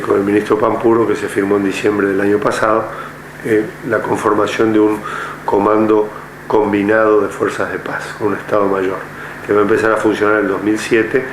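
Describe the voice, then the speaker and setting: An older man from Argentina, a retired army general, speaking measuredly in an oral history interview with many hesitant fillers. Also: on the low side. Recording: echoey room with faint noise.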